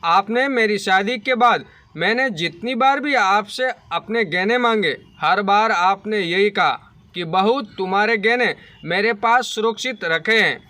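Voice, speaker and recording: A man's voice: high voice, a little slow, bright, forceful tone, no echo. A man voicing a young married woman who pleads indignantly with her mother-in-law in a spoken story. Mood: pleading.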